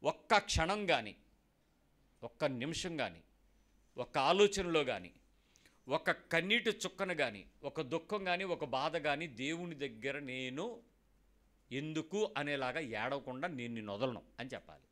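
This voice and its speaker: A man preaching a sermon, animated, asking rhetorical questions, calling on the congregation to answer, and mixing in English phrases. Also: a little high, a little slow, long pauses.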